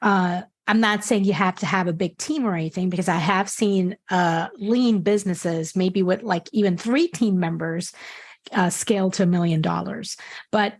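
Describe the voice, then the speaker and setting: A woman guest in an interview, giving measured, explanatory business advice. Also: on the low side. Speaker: marketing strategist guest. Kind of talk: interview answers.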